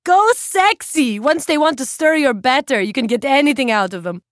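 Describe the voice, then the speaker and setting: A woman doing a croaking old Czech lady. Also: high voice, lively intonation, moderate pace, no room sound, studio quality, pitched above the performer's own voice. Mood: boisterous. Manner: loud, croaking, cheering at the TV. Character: tipsy older Czech woman, doting and brash.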